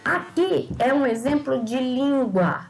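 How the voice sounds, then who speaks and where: A woman's voice: sits high, lively intonation, slow pace, faint music behind, poor audio. An older woman teaching a class. She asks her students questions and often checks that they follow. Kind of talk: classroom lecture.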